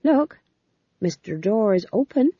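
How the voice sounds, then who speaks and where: A woman's voice: mid-range voice, expressive, measured pace, husky, dry recording, dull audio, pitched above the performer's own voice. A woman voicing a nervous young male jester who talks in coaxing baby talk.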